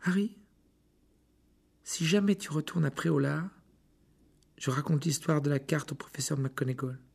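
A man's voice: fairly high pitch, moderate pace, creaky, a little mellow, breathy edge, voice pushed up. A man voicing an earnest, strict teenage girl in an audiobook, insistent and scolding. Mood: stern. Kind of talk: audiobook character reading.

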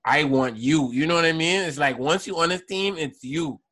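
A man's voice: fairly high pitch, moderate pace, fairly bright tone. Opinionated man in casual sports debate. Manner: opinionated, slangy, repeats points for emphasis. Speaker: sports talk show host.

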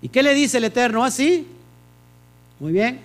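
A man leads a scripture study in a high voice. He keeps asking his listeners questions and answers them himself in a teacherly rhythm. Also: lively intonation, measured pace. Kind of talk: Torah study teaching to a small group.

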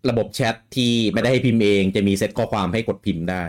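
A man's voice: on the low side, fast talker. A man hosting a podcast, casual and joking, with frequent agreeing murmurs. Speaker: podcast host. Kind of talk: casual chat.

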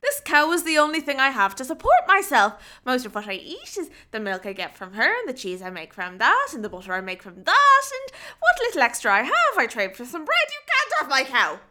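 Stubborn, bitter old woman, put on by a storyteller, loud and insistent, bright voice. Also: high voice, huge pitch swings, a little fast, hardly any pauses, full character voice. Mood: defiant.

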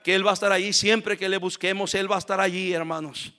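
High, bright-voiced impassioned male preacher. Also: steady tone, fast talker. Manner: impassioned, swings between quiet asides and loud cries; addresses congregation as brothers, calls for amen. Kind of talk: sermon.

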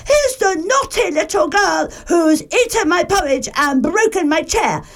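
Woman doing a high, whiny little bear cub. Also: expressive, measured pace, heavily acted. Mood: whiny, upset. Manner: high, tearful complaining. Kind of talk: storybook reading.

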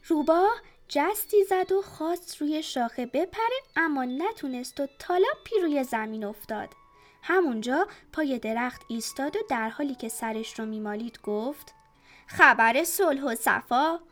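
A woman narrating a children's story in a lively, expressive scripted telling. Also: sits high. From Iran. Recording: narration with soft background music.

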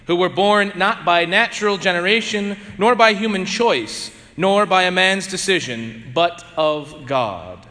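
Male priest, bright voice, slow and solemn liturgical delivery, ringing in cathedral echo. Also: a little high. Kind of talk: chanted liturgy, Gospel reading and homily. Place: large reverberant church. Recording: cathedral echo, long church reverb.

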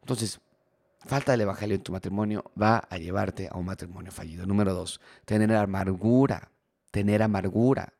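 A preacher delivering a sermon with a low-pitched voice. He stays animated, slipping into the voices of complaining husbands and wives. The sound is dry and close, with no room echo. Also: brisk, creaky, slightly rough. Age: married adult. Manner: animated, acts out quoted spouses. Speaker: pastor.

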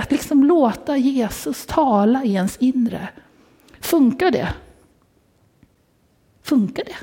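A woman's voice: a little high, a little mellow, breathy edge. A woman preaching a conversational sermon in church, often putting questions to the congregation.

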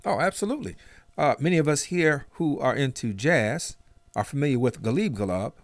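A man hosting a radio interview with a clear announcer delivery. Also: fairly high pitch, animated, moderate pace, dry recording. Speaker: radio host.

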